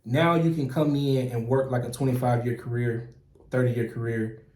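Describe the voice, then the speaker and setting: A man's voice: mid-range voice, normal speed. Man, earnest, in a roomy echo. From Mississippi, US. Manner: earnest and animated, frequent "man" and "you know", restarts, chuckles. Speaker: process operator and channel host. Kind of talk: casual advice talk to camera.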